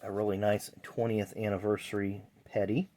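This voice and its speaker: A man's voice: fairly low pitch, level tone, normal speed, dark tone. A man hosting a casual card-collecting vlog, talking in a chatty, rambling way with fillers. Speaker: channel host.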